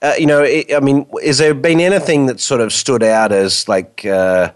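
A male radio host speaks casually at a middling pitch. His voice is croaky and hoarse with flu, and he feels his way through sentences in a chatty, hesitant manner. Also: normal speed.

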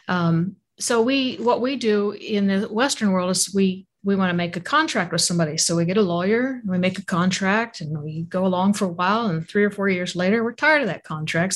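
Emphatic woman co-hosting a podcast. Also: medium pitch. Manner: emphatic, stacks points for effect. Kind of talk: conversational explanation.

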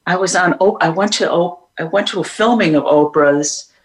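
A woman's voice: fairly low pitch, moderate pace, rough recording. A woman singer being interviewed, telling stories in a rambling way with many restarts and laughs. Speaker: singer guest. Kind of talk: casual interview storytelling.

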